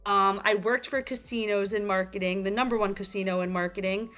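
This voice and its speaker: A young woman with a New York accent talks up her game in a casual interview, joining a virtual talk show from a remote spot. Her mid-range voice runs fairly quick, energetic and streetwise, full of fillers such as "like" and "you know."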